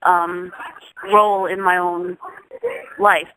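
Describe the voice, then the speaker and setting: Against a noisy background, she speaks slowly and flatly in a lowish voice. This Jamaican singer in her thirties is an interview guest who muses casually, often restarting what she says and laughing gently.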